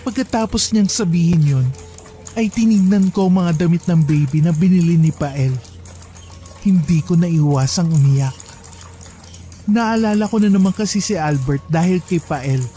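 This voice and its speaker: A man narrating a first-person horror story in a calm, reflective storytelling manner. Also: sits high, moderate pace, soft background music.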